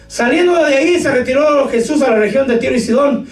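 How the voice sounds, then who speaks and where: A male pastor preaching a sermon, shouting scripture and joking with his congregation. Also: extremely high pitch, fairly quick. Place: church hall. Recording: echoey room, far from mic.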